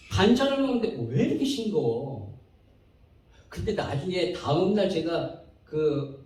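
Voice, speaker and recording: Man, pastor, sermon, animated, acts out quotes, echoey church hall. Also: high-pitched, far from the mic. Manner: animated preaching, acting out quoted complaints.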